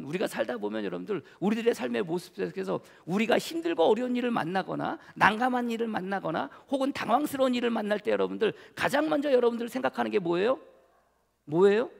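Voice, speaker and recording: High-voiced gravelly pastor preaching. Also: male voice, animated, fast. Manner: questioning the congregation, rhetorical. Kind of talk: sermon. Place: church sanctuary. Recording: church hall reverb.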